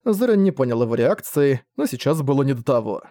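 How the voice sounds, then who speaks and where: A man's voice: medium pitch, sing-song, fairly quick, dark tone, dry recording. Man narrating an audiobook, dry sound. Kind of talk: scripted narration.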